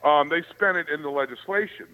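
A man's voice: fairly high pitch, fairly quick, pushed and bright, low-quality recording. A man giving opinionated political talk as a commentator, with a sarcastic, conspiratorial ranting manner.

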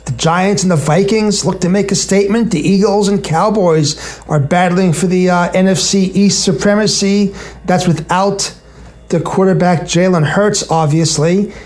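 High-pitched American sports radio host, male. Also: normal speed, darkish tone. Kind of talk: sports talk monologue.

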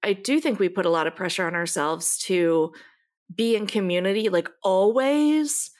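A woman's voice: lowish voice, brisk. Reflective woman co-host, thinking aloud. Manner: reflective, hesitant, many fillers like "you know" and "um". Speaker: podcast co-host. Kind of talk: casual chat.

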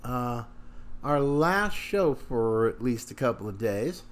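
A man hosting a podcast in a conversational monologue, showy like a ringmaster when announcing and halting between phrases. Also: mid-range voice, animated. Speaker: podcast host.

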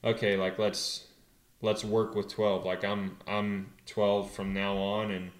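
A young man and pro rider answering interview questions in a relaxed, hesitant way, full of fillers and restarts. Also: lowish voice, slow pace, reverberant. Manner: laid-back, hesitant, many fillers and restarts. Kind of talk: casual interview.

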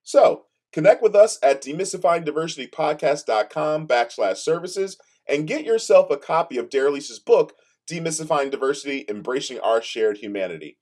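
Upbeat man with a lively, high promo voice. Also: moderate pace. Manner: upbeat, salesy, stresses each list item. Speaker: podcast marketing manager reading a promo. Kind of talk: scripted promotional read.

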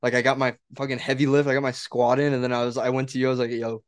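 A man's voice: medium pitch, flat delivery, racing, clean tone, dry recording, clean studio sound. A young man talking casually with friends as a podcast host, in a slangy, profane frat-bro manner. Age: young adult. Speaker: podcast host, college baseball pitcher. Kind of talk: casual banter among friends.

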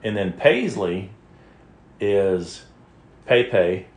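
Podcast host, lowish male voice, rambling and crude, roomy echo. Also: lively intonation, extremely slow. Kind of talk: casual chat.

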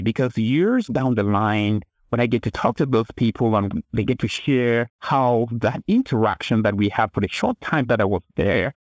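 Man with a lively, dry voice. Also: medium pitch, dry recording. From Cameroon. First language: a language other than English. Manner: earnest, storytelling, many restarts. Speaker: author and guest. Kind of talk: interview answers.

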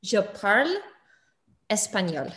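Woman, language student, video call, bright tone, slow, hesitant. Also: medium pitch, animated. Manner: hesitant, stumbling over words.

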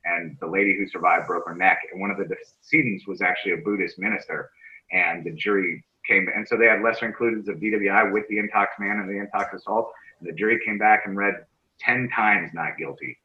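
A man's voice: deep voice, brisk, pushed and bright. Brash, profane man in an echoey room. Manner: brash, profane, acts out quoted voices. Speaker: criminal defense lawyer. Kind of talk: casual interview storytelling. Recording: echoey dull room sound.

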